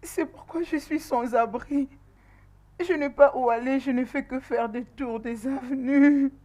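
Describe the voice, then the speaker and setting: A woman's voice: high voice, slow, dark tone, heavily acted. An actress playing a young, pregnant, homeless village woman who speaks hesitantly and tearfully in a dubbed film.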